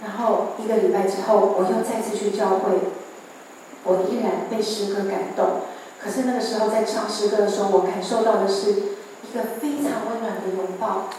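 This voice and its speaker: A woman with a Taiwanese Mandarin accent giving a church testimony, telling her story in a lively way and asking the congregation questions. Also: mid-range voice, moderate pace, a little hiss or hum. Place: large church hall. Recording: echoey church hall from far off.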